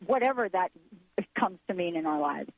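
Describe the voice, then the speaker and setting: A woman's voice: lowish voice, expressive, moderate pace, no echo. Woman hosting a radio talk show. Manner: rambling, searching for words. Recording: slightly dull lo-fi radio sound.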